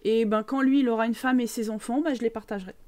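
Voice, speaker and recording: Young French woman, fairly high voice, rambling casual streamer chatter full of fillers. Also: steady tone, quick pace, a little mellow. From France. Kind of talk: casual live game commentary with chat.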